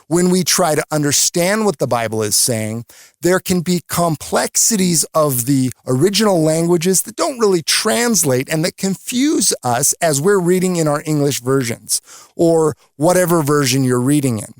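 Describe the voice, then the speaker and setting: A man's voice: a little high, lively intonation, moderate pace, no room sound, studio quality. A man giving a radio devotional Bible teaching, explaining scripture earnestly with stories.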